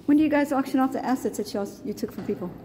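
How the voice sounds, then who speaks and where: This middle-aged woman's voice sits high and races as she self-films on a handheld phone inside a courthouse. She chats casually about the public building, posing curious, teasing questions, while the hallway echoes and loud noise fills the background.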